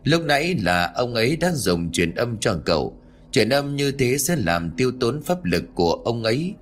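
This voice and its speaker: A man voicing a steady, wise monk master. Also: mid-range voice. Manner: measured, instructive.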